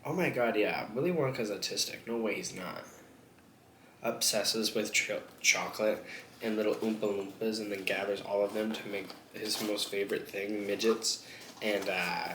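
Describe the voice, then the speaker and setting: A man's voice: lowish voice, moderate pace. A young man chatting casually while eating on camera, rambling and crude with lots of jokes. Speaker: mukbang vlogger. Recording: echoey room with faint background noise.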